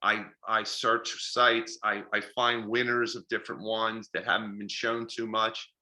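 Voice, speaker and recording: A middle-aged man with a bright, forceful voice tells stories in a relaxed interview. He is animated and pokes fun at himself, and he slips into the voices of the people he quotes. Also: on the low side, unhurried. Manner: animated, self-deprecating, acts out quoted dialogue. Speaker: filmmaker and festival organizer. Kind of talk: casual interview storytelling.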